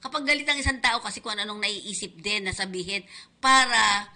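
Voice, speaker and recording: Bright-voiced Filipino woman radio host. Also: mid-range voice, fairly quick. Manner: chatty, asks listeners "di ba?" often, laughs. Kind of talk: casual advice talk on radio.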